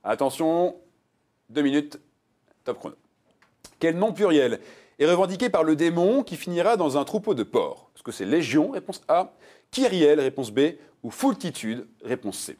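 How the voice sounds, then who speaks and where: A man with a highish voice runs a TV quiz show at a moderate pace, reading multiple-choice questions. His manner is playful, full of jokes with contestants and lively stress on the answer choices.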